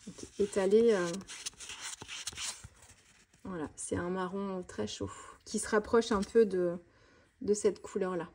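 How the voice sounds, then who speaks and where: A woman vlogger chatting fast and casually about her art supplies, with many fillers and restarts. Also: mid-range voice, fairly even intonation, dark tone, a little hiss or hum. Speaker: mixed-media art vlogger. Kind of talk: casual tutorial chat showing art supplies.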